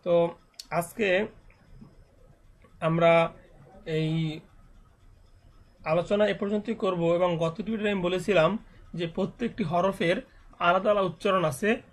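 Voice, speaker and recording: Man, high voice, patient teacher; slow letter-by-letter drills. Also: steady tone. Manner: spells syllables slowly, then explains patiently. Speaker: Quran reading teacher. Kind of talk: slow spelling drill and explanation.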